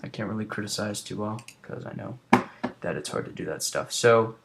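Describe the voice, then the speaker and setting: A young man with a lowish voice rambles casually through a screen-recorded design tutorial, muttering under his breath as he works. The background is noisy.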